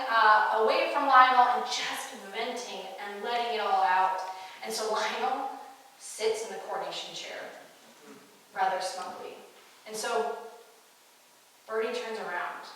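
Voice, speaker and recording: A woman's voice: on the high side, fairly bright tone. A woman pastor giving an earnest, storytelling sermon in a church. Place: church sanctuary. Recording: echoey church hall, far-off mic.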